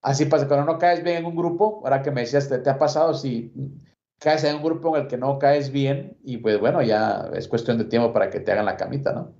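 A man's voice: medium pitch, brisk, a little mellow, reverberant, dull audio. A man telling a work story on a casual sports podcast, full of fillers and restarts.

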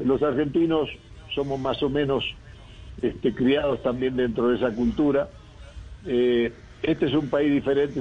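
A man's voice: mid-range voice, slightly rough, muffled recording. A man from Uruguay, a football coach talking in a radio interview, thoughtful and rambling with many fillers and restarts.

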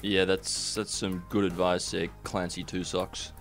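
A man's voice: low voice, flat delivery, measured pace, soft background music. An Australian man co-hosting satirical news with dry, mock-earnest commentary. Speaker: co-host of satirical news show.

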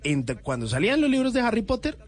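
A man's voice: sits high, huge pitch swings, quick pace. Enthusiastic man sharing trivia. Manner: enthusiastic, rambling storyteller. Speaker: host. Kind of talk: casual trivia chat.

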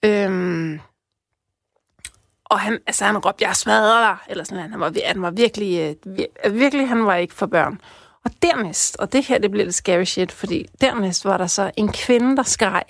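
A woman from Denmark casually telling a personal story, chatty with many fillers, dropping to a hush and then rising with excitement. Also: mid-range voice, vocal fry, no room sound, clean studio sound.

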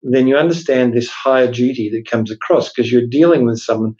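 A workplace lawyer co-hosts a casual legal podcast, chatty and emphatic, tossing out rhetorical questions as he explains things. His mid-range, mellow voice moves fairly quickly, and the recording is muffled.

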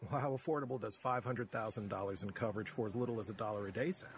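A man playing a persuasive, helpful insurance pitchman in a commercial, with an upbeat, salesy delivery. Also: quick pace, slight background noise, natural voice.

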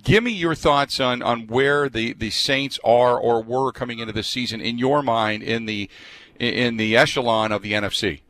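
A man's voice: medium pitch, moderate pace, a bit bright, no echo. A man hosting sports talk radio, asking questions in an upbeat, conversational way. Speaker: radio host.

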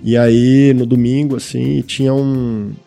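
A man's voice: medium pitch, level tone, takes it slowly, vocal fry, warm tone, dry recording. A man telling anecdotes as an interview guest, hesitant and full of fillers. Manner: storytelling, hesitant, many fillers. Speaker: guest, company co-founder.

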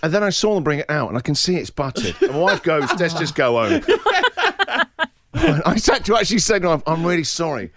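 A middle-aged man hosting a radio show, telling a story in a casual, animated way, laughing and acting out the other people in it. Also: on the high side, normal speed. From England. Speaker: radio host.

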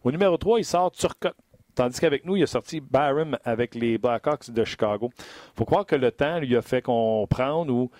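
A man's voice: medium pitch, normal speed, a little mellow, no room sound. A man with a Québécois French accent hosting a hockey draft talk show, chatty and full of hesitations. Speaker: sports radio host.

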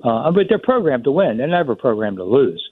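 A man's voice: mid-range voice, very animated, brisk, husky, no room sound. A man who writes about sports, a guest on a radio show giving wry commentary. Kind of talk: phone-in radio interview. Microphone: telephone. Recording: tinny phone line.

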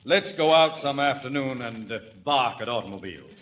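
An actor playing a genteel, fussy town mayor, pompous and given to stammering, in 1940s radio comedy style. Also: male voice, mid-range voice, expressive, brisk, close to an everyday voice. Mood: dignified. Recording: noisy old radio broadcast.

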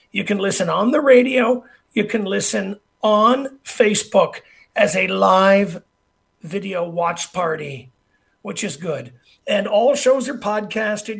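A man's voice: high-pitched, vocal fry, a bit bright. Canadian guy hosting talk radio, upbeat and folksy. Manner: upbeat, folksy, reads sponsor lists. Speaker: radio show host.

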